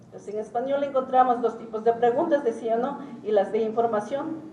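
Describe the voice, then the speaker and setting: A woman giving an academic lecture as a teacher, talking haltingly with many pauses and hesitations. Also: on the high side, mellow, lo-fi sound. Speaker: symposium speaker and Quichua teacher. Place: conference hall. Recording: roomy hall, distant mic, faint noise.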